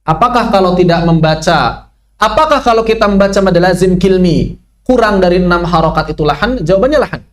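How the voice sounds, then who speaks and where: Guy with a high voice teaching quran recitation online, lively, keeps asking and answering his own questions. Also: a little fast. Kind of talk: online tajwid lesson.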